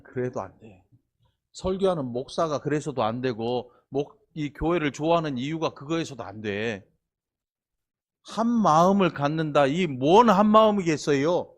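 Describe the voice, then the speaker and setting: A middle-aged man from the region preaching a sermon, chatty and teasing, tossing quick questions and asides at the congregation. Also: on the high side, animated. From Honam region of Korea. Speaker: pastor.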